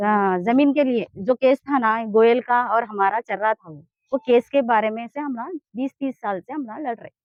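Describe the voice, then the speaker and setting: A woman with a Hyderabadi Urdu accent speaks in a high, urgent voice, pressing her complaint to a reporter with insistent, pleading force. The sound is dry and close, a little dull and lo-fi. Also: normal speed, hardly any pauses, dry recording. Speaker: interviewee in a land dispute. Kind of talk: street interview complaint.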